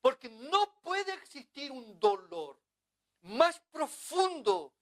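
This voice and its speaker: Impassioned pastor preaching. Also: male voice, very high voice, very animated, slow. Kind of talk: sermon.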